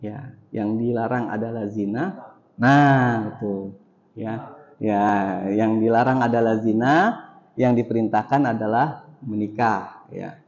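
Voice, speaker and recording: In an echoey mosque hall, a man with a lowish, steady, slightly mellow voice speaks slowly as he gives an Islamic study lecture, repeating each point for emphasis. The recording sounds dull and lo-fi.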